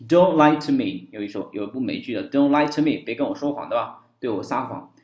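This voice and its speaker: A male English teacher walks through a dialogue, repeating phrases slowly to show how they sound. His pitch swings up and down in an animated way, and the roomy recording sounds dull and lo-fi. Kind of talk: language lesson explaining dialogue.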